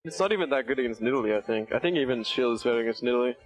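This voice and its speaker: A man's voice: medium pitch, racing. A young man talking casually through a video game, joking and swearing. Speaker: gamer. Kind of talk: casual gaming chat. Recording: dull lo-fi stream audio.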